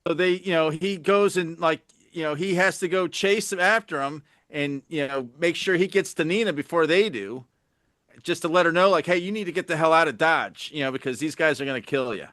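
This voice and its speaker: A man summarizes a film plot on a podcast, keeping a steady pace and filling gaps with "you know". His voice is fairly high and sharply bright. The recording is dry and close to the mic. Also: normal speed, dry recording. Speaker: podcast co-host. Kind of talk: casual film discussion.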